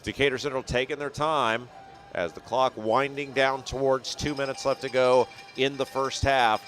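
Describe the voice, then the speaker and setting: A man doing play-by-play commentary on a high school football game outdoors, rising sharply and loudly on big plays. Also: fairly even intonation, normal speed, soft background music. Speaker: play-by-play announcer.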